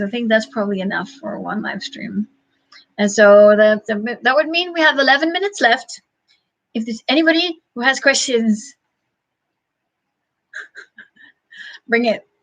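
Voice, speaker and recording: Woman, livestream host, casual chat, slow drawn-out delivery, hesitant, chuckles often. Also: fairly high pitch, fairly bright tone, rough recording. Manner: unhurried, halting, frequent chuckles, thinks aloud.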